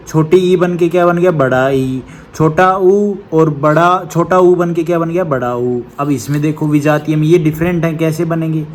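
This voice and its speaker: A male teacher with a slightly high voice gives an exam-prep grammar lesson, patiently explaining step by step. He poses questions and answers them himself, adding a checking "okay" after each point.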